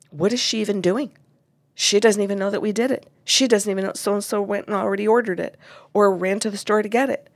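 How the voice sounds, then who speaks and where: A woman, a therapist, telling the story of a family session in casual talk and acting out the lines of the people in it. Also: medium pitch. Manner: animated, acts out quoted dialogue.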